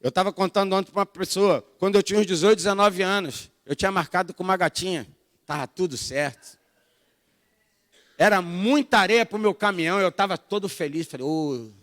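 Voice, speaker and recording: Middle-aged pastor, storytelling sermon, high-pitched for a man, echoing church hall. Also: a little fast, a bit bright. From Brazil. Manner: conversational, storytelling, addresses the congregation as brothers.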